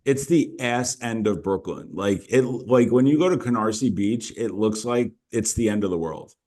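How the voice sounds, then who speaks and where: A young man with a somewhat low voice who teases his co-host in a wry, easygoing way. He swears casually while he chats about films and places. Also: expressive, normal speed, darkish tone. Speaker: podcast co-host. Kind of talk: casual profane chat. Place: outdoors.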